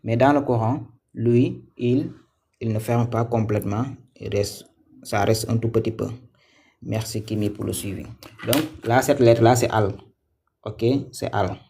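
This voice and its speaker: A man teaches a live online class, repeating himself patiently and putting questions to his viewers. His voice sits at an ordinary middle pitch. Faint noise hangs behind the stream. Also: steady tone, a little slow, mellow. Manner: patient, repetitive, quizzes viewers; thanks viewers by name. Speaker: Quran teacher. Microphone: livestream mic.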